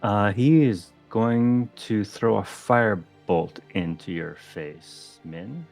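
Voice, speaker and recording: A male game master with a deep voice narrates a tabletop session at an unhurried pace. He rules on checks in a relaxed way, and soft music plays underneath. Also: creaky.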